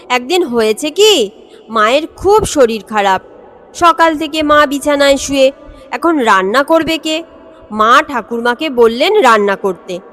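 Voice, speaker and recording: High-voiced woman storyteller with long reverb. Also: fairly bright tone. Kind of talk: scripted narration of a comic story.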